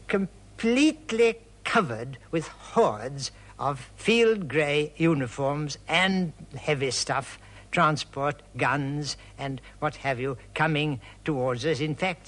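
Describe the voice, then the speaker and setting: An older man recounting his experience as a pilot in an interview, in a conversational, halting way. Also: fairly high pitch, fairly bright tone. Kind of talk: archival interview recollection.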